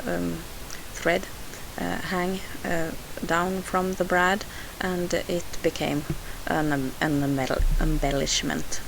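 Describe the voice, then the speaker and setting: A woman from Sweden, host of a scrapbooking video, narrates in a Swedish accent with a lowish voice, vocal fry, and little pitch movement. She goes slowly with few pauses, yet her voice-over is hesitant, full of "uh" fillers and restarts. The home recording has audible hiss.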